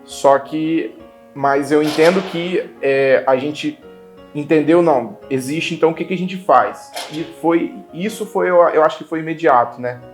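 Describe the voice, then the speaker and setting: Halting young man recalling, thinking aloud. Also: on the high side, soft background music. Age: 20s. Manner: halting, thoughtful, many restarts. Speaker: interviewee, father. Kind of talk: documentary interview.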